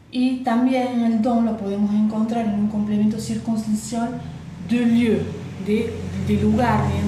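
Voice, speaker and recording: A woman teaches French grammar, walking through each point and repeating example sentences slowly. Her voice is mellow and dark-toned, and her delivery is unhurried. The recording sounds roomy and echoey, with a faint hiss behind her. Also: medium pitch. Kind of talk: Spanish-language French grammar lesson.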